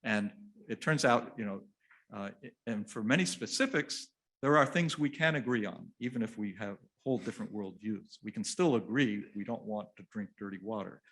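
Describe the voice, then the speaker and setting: A man answering on a discussion panel, thoughtful and halting, repeating words as he searches for the next. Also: on the low side, a bit bright.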